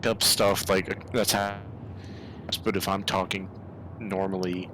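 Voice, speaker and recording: A man in casual voice chat as a gamer, talking haltingly with many fillers, his mic gating cutting words in and out so the volume jumps around. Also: low-pitched, flat delivery, sharp tone, a little hiss or hum. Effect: mic gating cuts words in and out, uneven volume.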